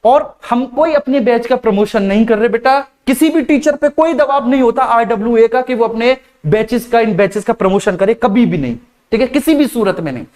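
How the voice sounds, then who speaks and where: In his live online class, this male teacher's very high-pitched, slightly mellow voice moves slowly and deliberately; he repeats the main points and calls his students "beta."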